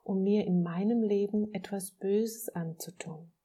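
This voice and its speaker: A woman's voice: medium pitch, fairly even intonation, measured pace, warm tone, husky. A woman voicing a small, childlike soul who is eager and restless in a storybook reading.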